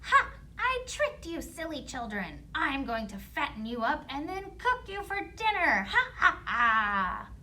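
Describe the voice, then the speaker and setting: A high-pitched storybook witch, acted out by a woman. She is wicked and gleeful under false sweetness, with theatrical swoops and faint noise behind her. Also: big pitch swings, measured pace, few pauses, sharp tone, full character voice. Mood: gleeful menace.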